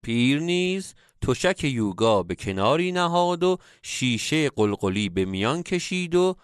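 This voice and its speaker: A man's voice: mid-range voice, big pitch swings, clear, resonant tone, no echo. A man narrating a comic story in a dry, mock-formal storytelling manner.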